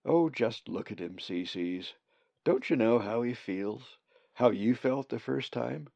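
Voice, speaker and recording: A man voicing a wise, calm, ancient raven who speaks softly and soothingly. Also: medium pitch, a little slow, gravelly, no echo. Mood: gentle. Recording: dull dry lo-fi recording.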